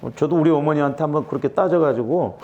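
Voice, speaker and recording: Middle-aged male pastor, homespun anecdotal sermon delivery, slightly high pitch. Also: fast talker, highs cut off, a little hiss or hum. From Jeolla, Korea. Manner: folksy storytelling with asides and rhetorical questions. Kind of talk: conversational sermon.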